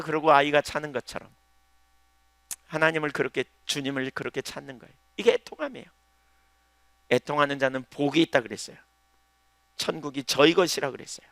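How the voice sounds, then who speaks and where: A man pastor preaching a sermon, swinging from loud emphatic lines to hushed, pleading prayers. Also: medium pitch, no echo.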